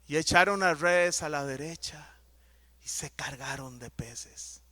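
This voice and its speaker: High, bright-voiced pastor preaching. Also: male voice, a little slow. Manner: emphatic, dramatic preaching that swings between loud and soft. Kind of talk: sermon.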